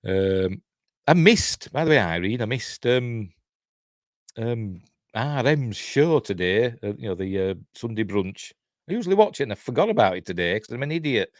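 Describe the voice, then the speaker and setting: Hosting a casual livestream where he reviews TV, a middle-aged man from Yorkshire, England, chats in a rambling way in his Yorkshire accent, slipping in self-deprecating asides. His mid-range voice is very animated at a moderate pace, captured as clean studio sound with no echo.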